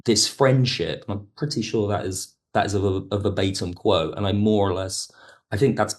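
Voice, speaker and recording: The speaker is a male guest, an audio drama writer, being interviewed on a reflective podcast. His voice is on the low side at a moderate pace, and he repeatedly circles back and rephrases while explaining himself.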